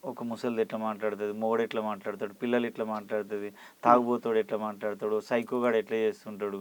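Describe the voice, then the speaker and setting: A man, an actor and mimicry artist, answering interview questions in an emphatic, lively way. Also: lowish voice, very fast, no room sound.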